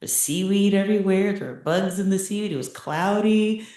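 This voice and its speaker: In a meditation center's teaching room, a middle-aged woman with a medium-pitched, dark voice gives a chatty Buddhist dharma talk at a moderate pace. She frequently checks in with "right?" and laughs lightly, and the room is very echoey.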